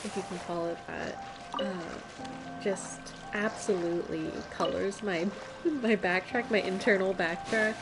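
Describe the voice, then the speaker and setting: Her live gaming commentary wanders as she thinks aloud, chuckles tucked into her sentences. The woman's mid-range voice is unhurried, the audio is poor, and video game music plays loudly in the background.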